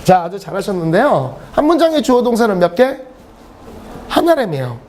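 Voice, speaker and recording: There's a little hiss or hum behind this man's voice, which sits high and moves at a normal speed. Middle-aged and teaching English to a class, he spins joking stories with animated energy, often laughing between and in the middle of sentences.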